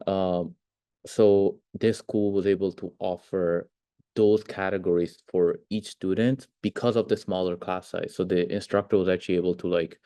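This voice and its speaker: A man's voice: low-pitched, warm tone, no echo, clean studio sound. A young man from Italy, a former student, answering interview questions hesitantly with many fillers. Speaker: alumnus interviewee.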